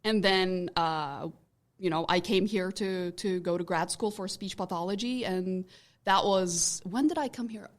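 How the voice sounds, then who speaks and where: A woman's voice: fairly low pitch, measured pace. A woman in her thirties from Turkey with a Turkish accent, a podcast guest in casual chat who rambles and circles back to restate her points.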